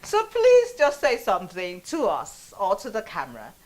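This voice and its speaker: Bubbly talk show hostess. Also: female voice, mid-range voice, huge pitch swings, moderate pace, a little mellow. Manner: bubbly, laughs often.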